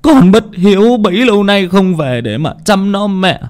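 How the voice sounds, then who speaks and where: A man's voice: sing-song, moderate pace, a little mellow. Man doing a wailing grieving son. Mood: wailing grief. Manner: high wailing sobbing cry. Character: grieving middle-aged son wailing to mother.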